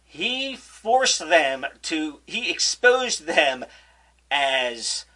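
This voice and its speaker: A man co-hosting a casual political podcast chat, animated and laughing often, often restarting his sentences. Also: fairly high pitch, very slow. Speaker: podcast co-host.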